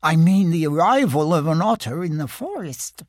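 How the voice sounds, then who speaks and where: A man voicing a small, timid, anxious piglet in a storybook, hesitant, wistful and squeaky. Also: sing-song, normal speed, no echo, studio quality. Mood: wistful, pondering. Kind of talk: storybook character voice.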